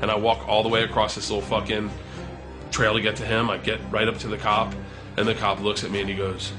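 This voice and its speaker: A young man telling a comic story in an animated, profane way, acting out the voices of the people in it. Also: lowish voice, quick pace, over music. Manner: profane, animated, acts out quotes.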